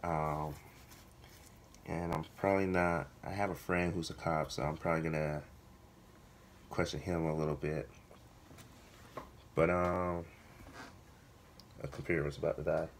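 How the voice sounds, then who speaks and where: Male vlogger, hoarse voice giving out, slow and fairly monotone, casual delivery to viewers. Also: very deep voice, a little hiss or hum. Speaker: video blogger, writer. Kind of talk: casual vlog talk to viewers.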